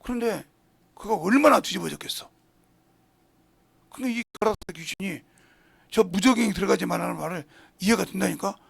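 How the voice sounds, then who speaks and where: A middle-aged male pastor preaching with fervor, his voice gravelly and husky and pitched fairly high. He swings from loud, pressing passages into hushed whispers. The sound is dry and close. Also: brisk, pauses often, no echo. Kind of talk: sermon with retold dialogue. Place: church sanctuary.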